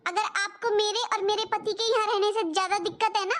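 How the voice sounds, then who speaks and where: A woman voicing a quick-tempered young married daughter in a cartoon who argues defensively with her mother. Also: very high voice, fairly bright tone. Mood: indignant. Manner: indignant, defensive. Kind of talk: cartoon voice acting.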